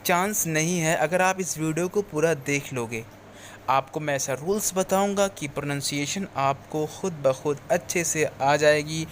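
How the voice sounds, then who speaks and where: A man's voice: on the high side, slight background noise. A man teaching English pronunciation in a video lesson. He explains step by step, repeats key points and mixes English phrases into his speech.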